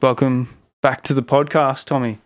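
A man's voice: medium pitch, level tone, normal speed, no room sound, clean studio sound. A man hosting a podcast, chatting in a laid-back, informal way. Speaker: podcast host, musician. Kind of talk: casual chat.

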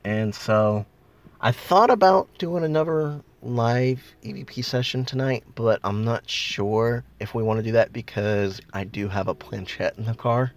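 A man's voice: medium pitch, a little slow. A man casually telling ghost-hunting stories, rambling with many ums and likes, recorded in a parked car. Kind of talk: casual ghost story chat.

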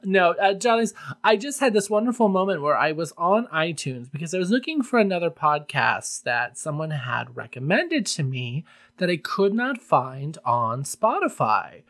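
Solo podcast host, medium-pitched, casual and campy, with tongue-in-cheek delivery straight to the listeners. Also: very animated, moderate pace, fairly bright tone.

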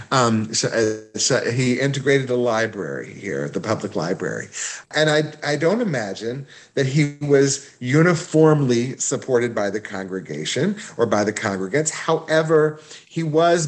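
A man who is a rabbi, answering interview questions in a thoughtful way, often repeating words as he gathers his thoughts. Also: medium pitch.

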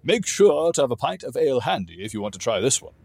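A man voicing a boisterous, jovial male dwarf king who booms and talks with excitement. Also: fast talker, gravelly, no room sound. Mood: eager host. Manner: booming, exuberant, excitable.

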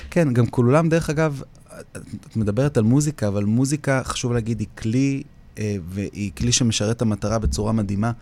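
The founder of a community singing project, a man with an Israeli Hebrew accent, speaks earnestly and reflectively in an interview, repeating phrases for emphasis. His voice is mid-range and warm.

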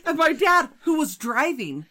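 A woman co-hosting a podcast, joking in unhurried, wry banter. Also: sits high, sing-song, sharp tone, a little hiss or hum. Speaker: podcast co-host. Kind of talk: casual chat.

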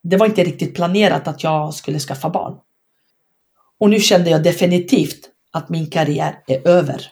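A woman, a former basketball player, telling her story in an interview with frank emphasis and acting out past conversations. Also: fairly low pitch. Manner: animated, acts out past dialogue in her stories.

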